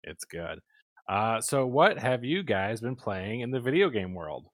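A man hosting a laid-back gaming podcast, his pitch swinging up and down as he chats. He sounds upbeat and talkative, and the sound is close and dry with no room echo. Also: big pitch swings, a little slow. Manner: upbeat, chatty host who reads the intro. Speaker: podcast host. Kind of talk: casual gaming podcast chat.

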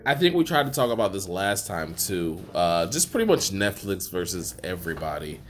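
A man's voice: low voice, big pitch swings, normal speed. A man hosting a podcast in casual chat, rambling with fillers and easy laughs. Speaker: podcast host.

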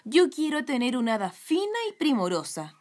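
A woman's voice: high-pitched, sing-song, moderate pace, a little mellow, pitched above the performer's own voice. A woman voicing a strict, prim fairy mother who scolds her daughter, in a storybook reading. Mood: angry.

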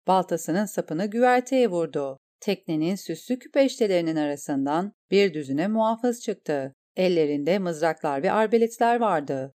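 Mellow woman reading a fantasy novel. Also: on the low side. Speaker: audiobook narrator. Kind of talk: scripted narration.

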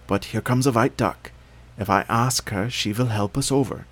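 A man's voice: mid-range voice, moderate pace, fairly bright tone, lightly acted. A man voicing a clever, brave young girl in a fairy tale reading. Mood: earnest.

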